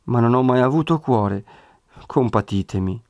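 A man's voice: mid-range voice, expressive, no room sound, clean studio sound, natural voice. A man doing a sorrowful devout young woman. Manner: soft, slow, tearful pleading.

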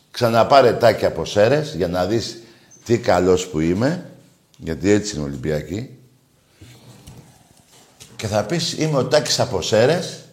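Man, radio call-in host, animated storyteller, lowish voice, echoey room. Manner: animated storytelling, teasing callers. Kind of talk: casual call-in radio chat.

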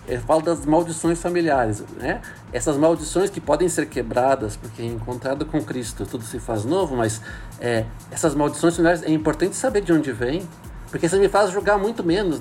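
Reflective priest, slightly high voice. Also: male voice, darkish tone. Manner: thoughtful, hesitant with many fillers. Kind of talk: casual reflective talk.

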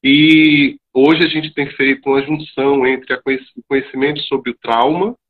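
A middle-aged man from Salvador speaks, answering questions slowly and thoughtfully like the longtime teacher he is. His voice sits at an ordinary middle pitch. The video-call audio is a little dull and lo-fi. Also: fairly even intonation. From Salvador, Bahia, Brazil. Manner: measured, thoughtful, philosophical. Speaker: guest, teacher and educator. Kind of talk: reflective interview answers.

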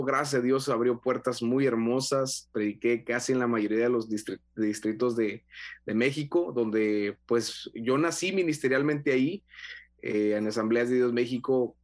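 This medium-pitched speaker is a young Mexican associate pastor being interviewed on the radio, talking fervently with lots of fillers and restarts.

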